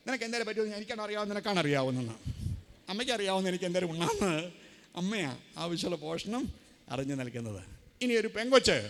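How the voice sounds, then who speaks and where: Animated priest preaching in a reverberant hall. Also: male voice, high voice. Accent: Kerala Malayalam. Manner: animated storytelling with voiced quotes. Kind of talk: sermon. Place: large conference hall.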